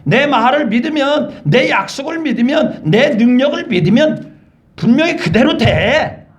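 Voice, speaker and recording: A man playing Jesus within a retold story, speaking slowly and with calm authority. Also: very high voice, voice pushed up. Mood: calm, commanding.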